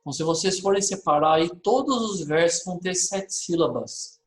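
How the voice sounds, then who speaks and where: A man's voice: on the high side, lively intonation, moderate pace, echoey room. A man, teaching a literature lesson and checking in often with his class.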